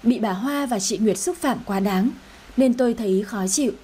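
A woman narrating a story in the first person with steady, even-toned reading. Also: on the high side, moderate pace, breathy edge.

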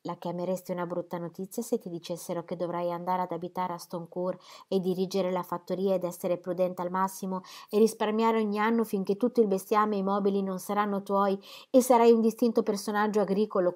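A woman voicing a sharp-witted, affectionate young woman who teases and speaks warmly, in an audiobook reading. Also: mid-range voice, natural voice. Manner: teasing, affectionate.

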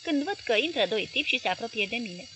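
A woman voicing a lively, clever young male journalist who reports events in a brisk, animated way. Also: fairly high pitch, a little hiss or hum.

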